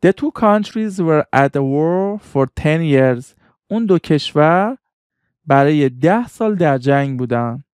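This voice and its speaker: A man's voice: on the high side, expressive, a little mellow, smooth, no echo, studio quality. A man teaching English vocabulary, patiently repeating each word and its meaning. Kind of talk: vocabulary lesson.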